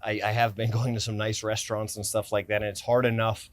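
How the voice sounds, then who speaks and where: A low, flat-voiced American man, talking a little fast, rambles outdoors in a casual gear-review vlog. He's a gear company owner and vlogger sitting on a stone ledge in a city park, interrupting himself and gushing about gear. A tripod camera a few feet away captures him, with some handheld close-ups.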